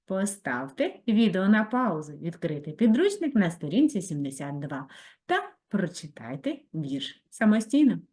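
A woman's voice: lowish voice, sing-song, normal speed, dark tone. A woman teacher giving a recorded reading lesson to young children, reading rhymes and verse with expression. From Ukraine. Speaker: primary school reading teacher.

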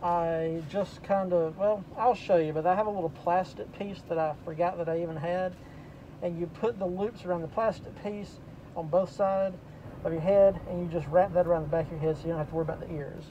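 High-voiced man talking through face masks. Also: fairly even intonation, brisk, mellow, lo-fi sound. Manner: matter-of-fact, explaining step by step. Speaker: delivery driver vlogger. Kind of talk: casual vlog talk to camera. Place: inside a parked delivery vehicle. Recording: noisy vehicle ambience.

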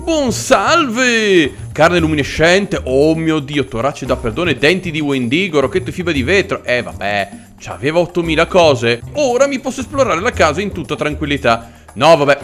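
A man narrating his own gameplay on the fly, his somewhat high voice leaping up and down as he flips between jittery yelps and exaggerated politeness toward the monsters. Faint game music sits low behind him. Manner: excitable, yelps and panics, mock-polite to enemies. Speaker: let's play gamer. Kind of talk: live gameplay commentary.

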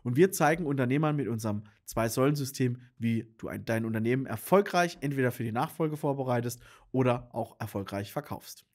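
A man's voice: mid-range voice, brisk, darkish tone. A man who runs a business consultancy, explaining earnestly and addressing the viewer directly, with frequent fillers and restarts. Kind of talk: explainer monologue to camera.

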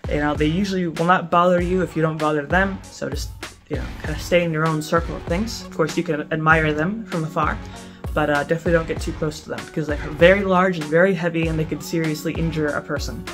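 A woman's voice: sits low, steady tone, fast talker, music in the background. Chatty young woman giving camping tips. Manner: chatty, gestures a lot, many fillers and restarts. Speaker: camping vlogger. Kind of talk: casual advice to camera. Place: small indoor room at home.

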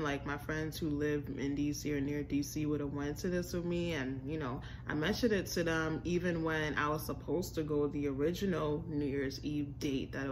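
A young woman with an American accent, working as a food vlogger, reviews a restaurant in a deep voice. She talks to camera informally, chatty and slangy. She's indoors in a home room with a staircase, with background noise present.

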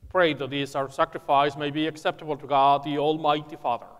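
A man leading prayers at Mass as priest, reciting in a solemn, measured way, with a cathedral echo around his voice. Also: a little high, flat delivery, soft background music. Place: large church. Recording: long echoing church reverb.

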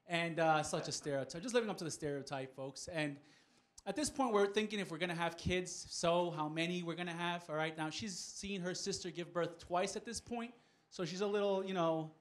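A male stand-up comedian from New York works through his set in a loose, conversational way. He makes frequent asides to the crowd. His voice sits a bit higher than most men's. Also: a bit bright.

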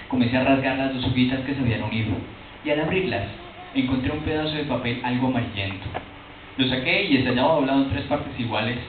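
Young storyteller, distant tinny sound. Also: male voice, mid-range voice. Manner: animated, acts out quoted voices, chats with the audience. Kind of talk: live oral storytelling to an audience. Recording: distant, phone-like, noisy echoey room.

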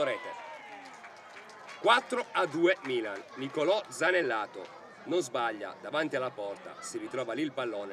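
A man giving breathless, urgent play-by-play goal commentary in clipped, repeated phrases. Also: medium pitch. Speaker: football match commentator. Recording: outdoor crowd and ambient noise behind. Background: outdoor football crowd.

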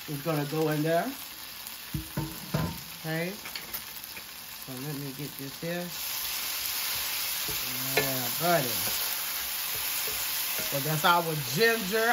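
A congested man narrating a casual cooking video from his home kitchen, relaxed and chatty, talking to viewers as y'all. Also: high voice, noisy background. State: congested, coughing. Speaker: home cook.

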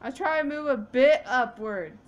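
A woman's voice: sits high, moderate pace, muffled recording. A young woman playing a game for the first time and chatting casually, flustered and confused, with mild swearing and defensive retorts. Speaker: gaming channel co-host playing the game. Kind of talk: casual gaming chat.

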